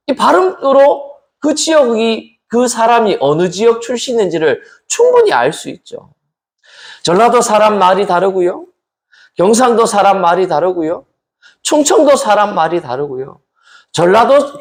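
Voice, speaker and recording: Serving as pastor at a midweek Bible study, a man preaches and frequently pauses to put questions to his listeners. His high voice ranges broadly in pitch, climbing and dropping for emphasis. He comes across as lively and engaged while speaking to the congregation.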